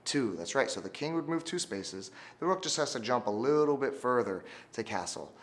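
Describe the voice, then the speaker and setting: A male chess teacher tells a lesson as a story, with a very lively, swinging pitch. He cues the kids to repeat key phrases back to him. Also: normal speed. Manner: animated storytelling, call-and-response. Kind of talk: instructional video for teachers.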